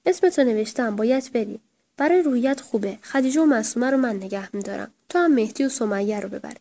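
A woman reading an audiobook gives the lines of an affectionate, teasing young husband and father in a gentle, playful voice close to her own. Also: fairly high pitch. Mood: teasing fondly. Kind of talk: audiobook narration.

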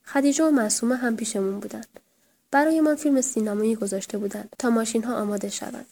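A woman reading a first-person memoir aloud in a calm, steady storytelling manner. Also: fairly high pitch. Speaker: narrator.

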